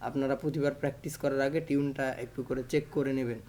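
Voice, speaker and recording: A man's voice: medium pitch, steady tone, fast talker, dark tone. A man giving a patient instrument lesson, counting the beats aloud over and over. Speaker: music teacher.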